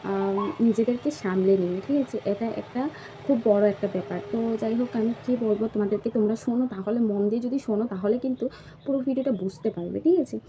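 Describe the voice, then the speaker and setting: A woman's voice: fairly high pitch, fast. A woman vlogger from Assam talking casually to her viewers at home, hesitant and full of fillers and restarts. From Assam, India. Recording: slightly dull recording with faint background noise.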